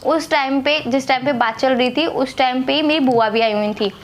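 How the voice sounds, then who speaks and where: A woman's voice: sits high, moderate pace. A young woman from Agra, India, telling a personal story to camera in a chatty way, repeating herself and using many fillers. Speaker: vlogger telling her marriage story.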